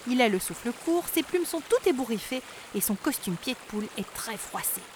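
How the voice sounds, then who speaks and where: A woman narrating a children's story in a lively, expressive way, talking to the young listener. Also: on the high side, a little fast, slight background noise. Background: background music.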